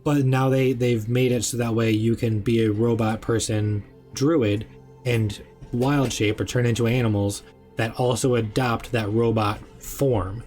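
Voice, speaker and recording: A young man who runs tabletop games, chatting casually on a stream with lots of fillers and excited asides. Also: mid-range voice, unhurried, faint music behind. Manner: rambling, filler-heavy, excitable. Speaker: game master. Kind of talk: casual chat on a live stream.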